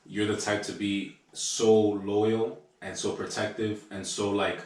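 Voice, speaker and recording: A very deep-voiced man talks in an easygoing way as a podcast co-host, cursing casually. He is recorded from back off the mic in a strongly echoing room. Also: measured pace. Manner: relaxed, laid-back, swears casually. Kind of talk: casual chat. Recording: roomy echo, distant from mic.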